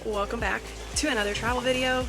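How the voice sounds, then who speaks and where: A woman's voice: on the high side, fairly even intonation, fast talker, low-quality recording. Gushing woman giving a house tour. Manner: gushing, enthusiastic. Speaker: travel vlogger. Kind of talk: gushing house tour, like an enthusiastic real estate agent. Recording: background music. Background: music.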